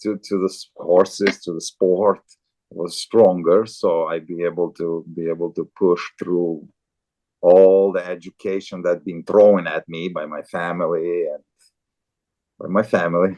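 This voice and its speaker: A man in his forties from Azerbaijan, speaking as an interview guest with a very low, deep voice. He talks slowly and haltingly, often repeating and restarting his words, with an occasional chuckle. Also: steady tone, dark tone. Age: 40s. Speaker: guest, farrier and show jumper. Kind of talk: casual interview talk.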